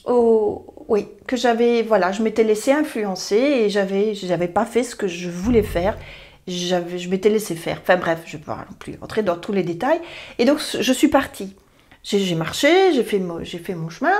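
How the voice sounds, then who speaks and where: A woman's voice: medium pitch, moderate pace, darkish tone. A woman, a therapy practitioner talking earnestly to camera, rambling and correcting herself as she goes. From Belgium. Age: 50s. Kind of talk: personal talk to camera.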